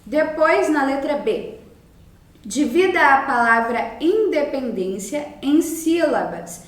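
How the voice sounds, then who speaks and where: A woman with a Brazilian accent talks young pupils through a worksheet in a recorded lesson. Her voice sits high and she takes her time, repeating each point patiently. The sound is roomy, and her mic is set some way off. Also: recorded from a distance. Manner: slow, patient explaining with many repetitions. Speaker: primary school teacher.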